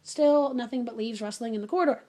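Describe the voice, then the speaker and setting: A woman casually telling a personal story in an animated, chatty way, full of asides. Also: on the high side, fast talker.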